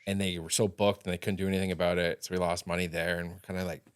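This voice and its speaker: A man who owns a bakery, a podcast guest, telling stories in a relaxed, rambling way. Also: sits low, very fast, clean tone. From Ontario, Canada. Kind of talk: casual chat.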